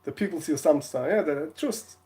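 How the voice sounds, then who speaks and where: A man's voice: fairly high pitch, lively intonation, normal speed, warm tone. A man chatting casually on a live stream, rambling through anecdotes and laughing often.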